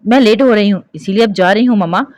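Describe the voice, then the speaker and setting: A woman voicing a heartbroken young woman who speaks softly and sorrowfully. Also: medium pitch, fast talker, dry recording, lightly acted. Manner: soft, sorrowful.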